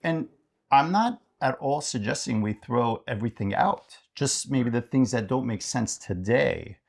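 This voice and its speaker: A man's voice: medium pitch, lively intonation, a little slow, vocal fry. A middle-aged man, a podcast co-host, talking reflectively in a casual chat and thinking aloud with many fillers.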